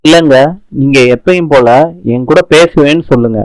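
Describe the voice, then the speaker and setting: A man's voice: on the high side, moderate pace, no echo, close to an everyday voice, poor audio. A man reading the lines of a pleading young woman student, earnest and upset, in a dry recording.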